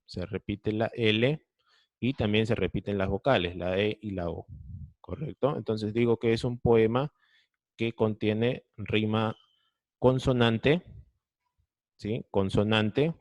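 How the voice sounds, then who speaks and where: A man's voice: on the low side, dry recording. A man with a Peruvian Spanish accent teaching an online class over a video call, patiently explaining step by step and often checking that students follow.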